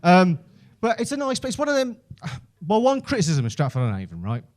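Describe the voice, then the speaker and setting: A man's voice: high-pitched, huge pitch swings, a little fast, a little mellow. A man with a Birmingham Brummie accent telling stand-up stories in a conversational, self-deprecating, sweary way. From Birmingham, England. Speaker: stand-up comedian. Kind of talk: stand-up comedy storytelling.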